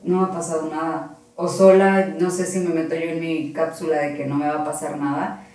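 A woman with a Mexican accent, a guest telling a personal story casually and in a rambling, animated way. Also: sits low, fairly quick. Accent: Mexican Spanish. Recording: echoey room, far from the mic.

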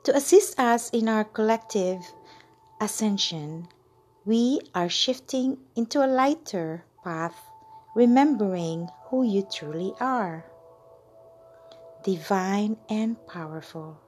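A woman leading a channeled guided meditation, soothing and drawn out, with lines that fade into breathy whispers. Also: mid-range voice, animated, slow pace, a little mellow, slight background noise.

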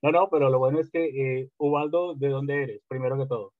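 A man's voice: mid-range voice, fairly quick, no echo. Male podcast host, casual interview chat, hesitant with fillers, dry tinny phone-like sound. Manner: relaxed, hesitant with frequent fillers.

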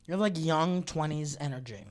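A man in his twenties, a comedian, teasing a friend in casual chat. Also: fairly high pitch. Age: 20s. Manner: teasing, drawn-out and playful.

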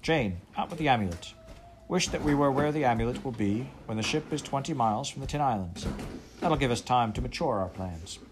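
A man voicing a clever young schoolboy who speaks briskly and practically. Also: mid-range voice, expressive, over music, natural voice.

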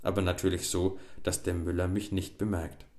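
A mischievous little water-sprite boy from a children's storybook, voiced by a man with a low voice. His lines come out lively and playful, full of cheeky mischief. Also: normal speed, natural voice. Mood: sneaky. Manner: lively, mischievous thoughts spoken aloud.

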